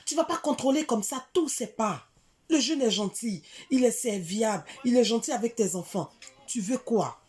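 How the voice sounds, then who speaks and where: A middle-aged woman from Africa tells a story to her viewers in a casual monologue, animated and indignant, repeating words for emphasis. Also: fairly high pitch, moderate pace, soft background music. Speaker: vlogger addressing her community.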